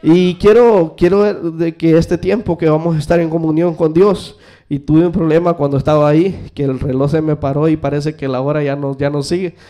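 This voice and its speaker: High-voiced male preacher telling a story. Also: normal speed. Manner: animated storytelling, asks the congregation to repeat phrases. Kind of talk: sermon.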